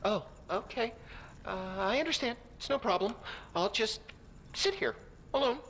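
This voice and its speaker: An actor playing a lonely, timid man in a video game, hesitant and halting. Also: extremely high pitch, animated, fairly bright tone, a little hiss or hum, heavily acted. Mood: meek, uneasy. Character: lonely, timid, sweating male apartment tenant.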